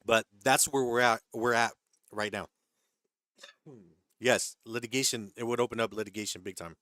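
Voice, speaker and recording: A mid-range, pushed and bright voice carries this trading stream host's explanations of the rules as he reads chat questions aloud, his intonation fairly even and his pace normal. Hedging and repeating himself, he keeps adding "right?" and "okay?". The studio sound is clean with no room noise.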